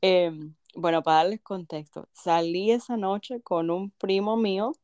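A woman co-hosting a podcast, telling a story in a relaxed casual chat and laughing softly along the way. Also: on the low side, a little slow, no echo, studio quality. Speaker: podcast co-host.

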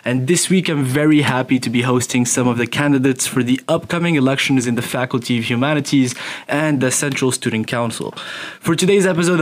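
A young man hosting a student podcast, talking in a conversational interview style. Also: mid-range voice. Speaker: student podcast host, magazine editor-in-chief.

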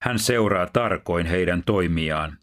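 Male scripture reader, deep low voice, steady measured pace. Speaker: Bible reader and teacher. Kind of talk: scripture reading.

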